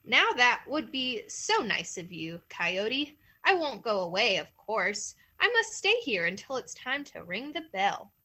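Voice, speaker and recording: A wrinkled, crafty old male hare from a folktale, sweet and innocent on the surface while scheming underneath, put on by a woman telling the story. His voice is high and lively, rising and falling with feigned meekness, bright in tone. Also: a little slow, hardly any pauses, full character voice. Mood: sly sweet. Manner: sweet, innocent-sounding, cunning. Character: old, scrawny, sly male hare, quick thinker.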